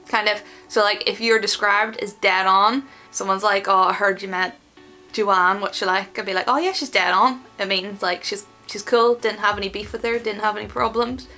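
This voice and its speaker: Female Northern Irish video host, bright forward voice, informal explainer with acted-out examples, faint music behind. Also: medium pitch. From Northern Ireland. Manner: informal, acts out short example exchanges. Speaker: host of an online video channel. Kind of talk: casual, chatty explainer of slang.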